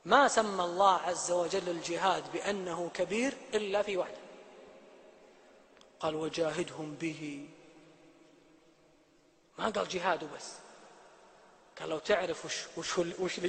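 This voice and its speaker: A male preacher giving a sermon, swinging between loud emphasis and hushed quotes. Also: sits high. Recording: long hall reverb.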